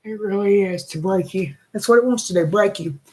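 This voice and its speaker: A woman's voice: mid-range voice, brisk, darkish tone. A woman, a single mother venting in a blunt, emotional rant full of swearing and bitter laughs. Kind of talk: angry personal rant.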